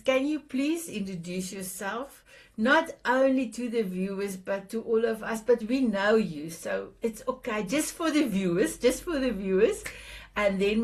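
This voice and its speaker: Lady hosting a live show, really slow talker, gushy n affectionate, repeats herself, normal pitch. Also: darkish tone. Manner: effusive, affectionate, repeats phrases. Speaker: host.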